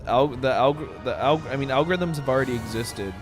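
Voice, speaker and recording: Over music, a man in his twenties chats briskly in a mid-range voice while streaming a game. He jokes around with his viewers and swears often in this casual live gaming chat.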